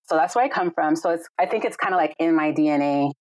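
A Jamaican yoga and meditation teacher talks fast in a low voice as a guest in a casual video-call conversation. Her manner is warm and reflective, full of "right?" and "like", and the recording is dry.

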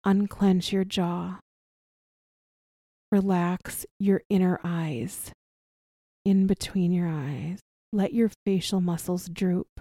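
A woman guides a somatic relaxation practice in a soft, soothing way. Her pace is very unhurried and her tone is mellow and relaxed. She leaves long pauses between gentle instructions, in a dry, intimate recording. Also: lowish voice, dry recording.

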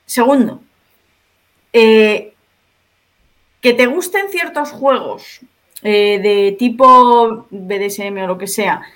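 A woman's voice: a little high, slow pace, pauses often, a bit bright. A woman with a Spain Spanish accent, a video creator explaining her points one by one as a podcast guest. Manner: explanatory, methodical, lays out points. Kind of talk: podcast conversation.

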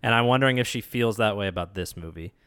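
A man's voice: lowish voice, fast talker, a bit bright, smooth, no echo. A man co-hosting a podcast, chatting casually and teasing his friends. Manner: teasing, jokey. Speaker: podcast co-host. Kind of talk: casual chat.

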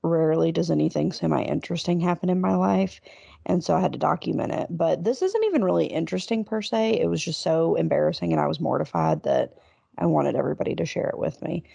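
A woman's voice: sits low, expressive, fast, creaky, warm tone, husky, no room sound, muffled recording. A young woman co-hosting a podcast, telling a story in a chatty, self-deprecating way with lots of "like". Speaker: podcast co-host. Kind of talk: casual chat, storytelling.

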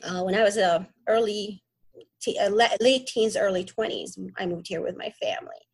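A young adult woman from the Middle East, a podcast guest talking casually and haltingly, with many fillers and restarts. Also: mid-range voice, breathy edge. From Middle East (born in Kuwait, raised in Egypt). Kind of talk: casual interview talk.

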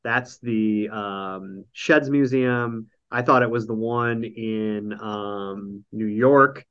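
A man's voice: lowish voice, fairly even intonation, drawn-out words, clean tone, lo-fi sound. Nasal man rambling through a show recap. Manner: rambling, full of ums and dry jokes. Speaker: podcast host recapping a reality show. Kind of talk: casual chat. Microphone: online call.

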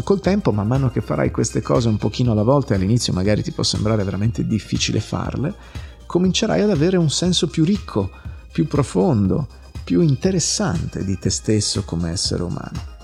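A man speaks in a gravelly, husky voice at a middling pitch, gentle and unhurried as he leads a reflective self-help lesson. Faint soft music plays behind him. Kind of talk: calm guided talk on self-compassion.

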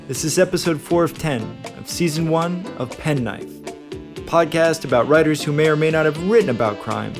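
A man's voice: a little high, moderate pace, over music. A man co-hosting a podcast, reading a scripted narration in a wry, conversational way. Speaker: podcast host, bookseller.

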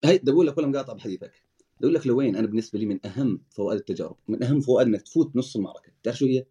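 Husky, fast-talking man. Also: medium pitch, warm tone, muffled recording. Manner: coaching, direct, addresses listener. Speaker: motivational speaker guest. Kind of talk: casual chat.

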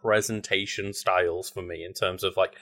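A man co-hosting a podcast in a relaxed, rambling way, with a lowish voice. He fills his talk with "like" and swears casually. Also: normal speed, vocal fry. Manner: rambling, many filler likes, relaxed swearing. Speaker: podcast co-host. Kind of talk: casual chat.

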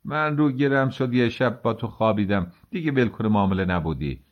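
A man voicing a foul-mouthed, sharp-tongued older woman pilgrim who curses and scolds. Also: lowish voice, lively intonation, muffled recording, close to an everyday voice. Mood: scolding.

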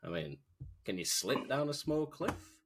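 A man's voice: medium pitch, very animated, a little slow, noisy background. A British man co-hosting casually, talking in an informal, joking way. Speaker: podcast co-host. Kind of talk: casual chat with reading aloud.

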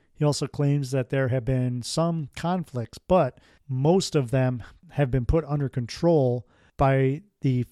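A man's voice: mid-range voice, warm tone, no echo, clean studio sound. A man hosting a podcast, telling a strange story in a casual, rambling way with wry asides. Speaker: podcast host.

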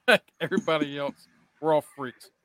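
A man's voice: a little high, normal speed, a bit bright, no echo. A male podcast co-host talking in a casual, conversational style. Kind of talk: casual chat.

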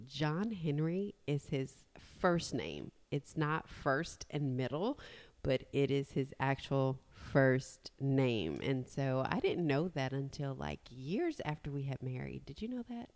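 A woman of forty in casual chat as a podcast host, speaking in an expressive, effusive way. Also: extremely low pitch, slow. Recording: long hollow reverb.

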